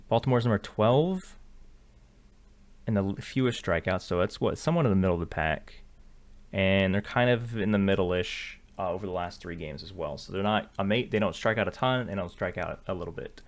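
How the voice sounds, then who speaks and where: A man's voice: low-pitched, moderate pace. A young man hosting sports betting picks, thinking aloud in casual commentary, often correcting himself. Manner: thinking aloud, self-correcting, filler-heavy. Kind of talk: casual screen-share commentary.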